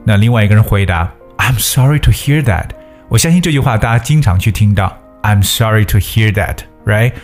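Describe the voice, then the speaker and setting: A man with a fairly low voice teaches English phrases in a patient, explaining way. He repeats each phrase slowly so learners can practice it. Faint guitar music plays underneath. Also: expressive. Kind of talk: bilingual English lesson.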